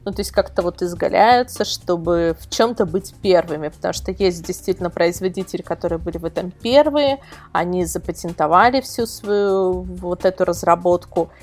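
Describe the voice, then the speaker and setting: This podcast guest, editor of an adult toy website, has a voice on the low side with a darkish tone. She talks casually and at length, hedging her explanations with plenty of qualifiers.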